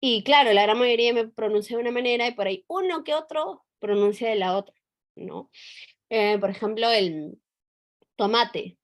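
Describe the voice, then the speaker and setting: A woman's voice: a little high, lively intonation, normal speed. Chatty woman teacher. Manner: conversational, frequent fillers and tag questions. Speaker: English teacher. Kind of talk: online teacher training talk.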